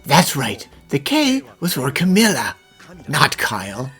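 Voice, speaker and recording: A man voicing a composed, thoughtful gentleman professor who explains things formally in an animated fan dub. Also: medium pitch, unhurried, faint music behind, full character voice. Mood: grave. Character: gentlemanly puzzle-solving professor, thoughtful, devoted father.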